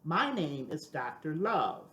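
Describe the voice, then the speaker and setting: An older woman voicing a dignified, encouraging gentleman doctor in a storybook, courteous and measured. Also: low-pitched, sing-song, reverberant, pitched below the performer's own voice, heavily acted. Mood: kindly, encouraging.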